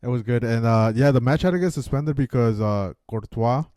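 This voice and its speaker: A man with a dark, mellow voice chats about football on a podcast, loose and profane, tossing in "dude" as he goes. His voice sits in a middle register and is recorded dry and close. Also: mid-range voice, normal speed, no room sound. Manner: relaxed, swears casually, says "dude" often. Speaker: podcast co-host. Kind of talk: casual sports chat.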